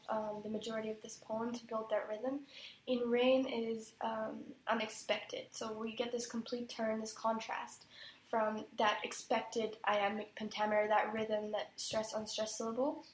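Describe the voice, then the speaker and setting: A woman student answering in an oral exam, hesitant and restarting her sentences often. Her voice is fairly high but held in a flat, narrow range. The room is echoey, with faint ambient noise behind her. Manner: hesitant, frequent restarts and fillers.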